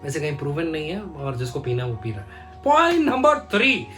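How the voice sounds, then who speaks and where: Man, casual vlog chat, chatty, home room, soft music behind. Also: medium pitch, quick pace. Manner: chatty, mixes english phrases into talk. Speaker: vlogger. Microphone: phone camera.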